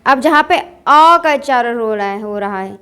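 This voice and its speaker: A woman's voice: on the high side, expressive, moderate pace, sharp tone, smooth. A woman teaching a pronunciation lesson, reading rules aloud and drilling word lists. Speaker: English teacher. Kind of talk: slow classroom-style pronunciation lesson.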